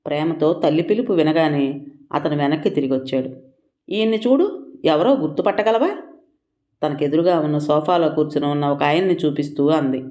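A storyteller reads a novel aloud in a measured, expressive manner. The voice sits at a middle pitch, steady and scripted.

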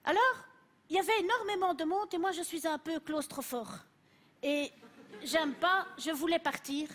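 A woman's voice: very high voice, normal speed, a bit bright. A woman playing a rambling Belgian cleaning lady. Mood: chatty. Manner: rambling, confidently wrong. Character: chatty, self-assured Belgian cleaning lady. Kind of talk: stand-up character sketch. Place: TV studio stage.

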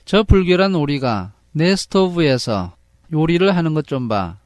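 A man's voice: fairly high pitch, sing-song, no room sound, clean studio sound. A man reading as a fretful storybook mother. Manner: slow, careful read-aloud, then Korean translation. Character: fretful mother duck-hunter turned bird.

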